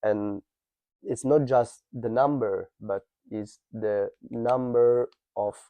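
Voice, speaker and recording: In a business podcast interview, a man whose first language is Italian talks through a project in a measured, thoughtful way, with frequent fillers and restarts. His mid-range voice is steady, and the audio is dull with no echo.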